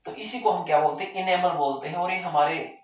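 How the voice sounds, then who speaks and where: A man teaching a lesson, repeating key terms and asking the class whether it is clear, with a sore throat that keeps making him clear it. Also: high voice, a little fast. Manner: repeats key terms, asks rhetorical check questions. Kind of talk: classroom lecture. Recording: very echoey room, mic far off.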